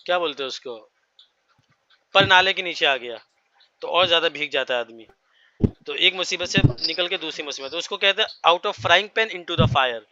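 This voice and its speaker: A man's voice: on the high side, normal speed, bright, forceful tone, highs cut off, a little hiss or hum. A man teaching English vocabulary to a class, explaining each word and checking that everyone follows. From India.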